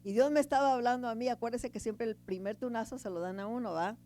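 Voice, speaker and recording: A woman preaching a sermon in a chatty teaching tone, often checking in with the congregation and swinging between loud emphasis and quiet asides. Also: a little high, quick pace. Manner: conversational, keeps asking the congregation "right?".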